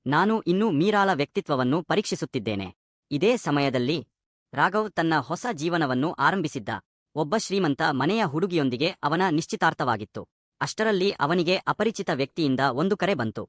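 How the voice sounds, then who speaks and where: A man narrating a scripted moral story in a lively, expressive reading. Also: on the high side, normal speed, dry recording, studio quality.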